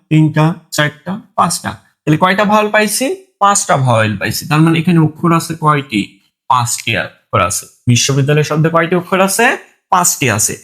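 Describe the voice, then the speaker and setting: A man's voice: a little high, fairly bright tone. A man teaching a grammar lesson, asking his students questions and answering them himself. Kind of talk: online lesson.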